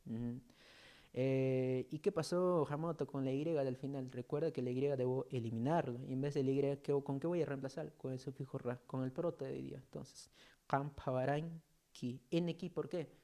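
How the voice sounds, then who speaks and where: A man's voice: mid-range voice, fairly even intonation, normal speed, mellow. A man teaching an online language class, chatty and joking as he reads out student comments, with a Peruvian Spanish accent.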